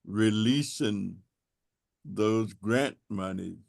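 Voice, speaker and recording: Deliberate male panelist, gravelly, unhurried delivery. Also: lowish voice, darkish tone. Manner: slow, measured, with restarts. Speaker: panelist, congressman. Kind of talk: panel discussion answer.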